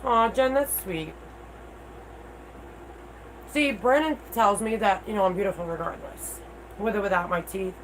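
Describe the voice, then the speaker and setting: A middle-aged woman talks casually to her livestream viewers in a candid, unpolished way. Her speech sounds toothless, at an ordinary female pitch. There is faint noise from the room around her. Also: measured pace, long pauses, rough recording. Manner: candid, informal, mild swearing. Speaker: livestream host.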